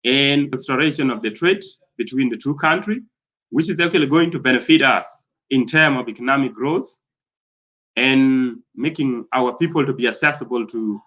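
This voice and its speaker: A man from South Sudan speaks in spoken commentary, his voice bright and forward at an ordinary middle pitch. He talks in a halting way, filling pauses with fillers and circling back over his phrases. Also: muffled recording.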